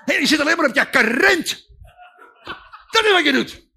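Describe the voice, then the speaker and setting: A man preacher voicing Martha as a frantic, fussy housewife who scolds her sister in a shrill voice. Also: sing-song, fast, sharp tone, slightly rough, exaggerated voice. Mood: scolding. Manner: shrieking, scolding, exasperated.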